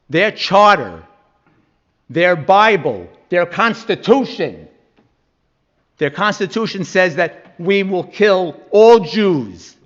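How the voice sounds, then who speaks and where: A man's voice: sits high, muffled recording. A man giving an impassioned public comment at a city council meeting, pressing his point with rhetorical questions. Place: council chamber.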